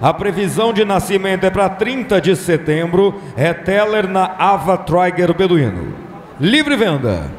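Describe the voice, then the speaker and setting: A man's voice: high-pitched, animated, moderate pace, hardly any pauses, a little hiss or hum. A Brazilian man working as an auctioneer, calling bids in repetitive, insistent chants. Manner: repetitive, insistent selling patter. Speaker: livestock auctioneer. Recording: long hall reverb, music behind.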